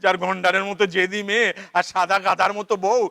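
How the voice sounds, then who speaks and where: Ranting Kolkata dad played by a man: high, bright, sarcastic, keeps shouting the same lines. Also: flat delivery, quick pace, creaky, dry recording, heavily acted. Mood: exasperated ranting. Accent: Kolkata Bengali. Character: frantic middle-aged father of the bride, money-obsessed. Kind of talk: theatre play reading.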